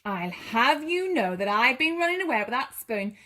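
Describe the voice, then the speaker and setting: Talking storybook dish, voiced by a woman, outraged and indignant, high shrill delivery. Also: big pitch swings, moderate pace, bright, forceful tone.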